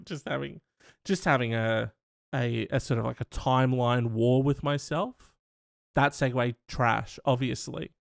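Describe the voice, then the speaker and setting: A man's voice: medium pitch, gravelly, no echo, studio quality. A man hosting a comedy podcast, rambling and joking casually and swearing a lot. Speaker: podcast host.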